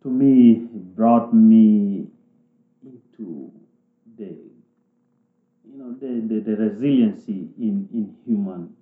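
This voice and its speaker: A man from South Sudan, speaking in a thoughtful, halting way with restarts as he interviews people in a reflective conversation. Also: on the low side. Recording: echoey room, tinny phone-like sound.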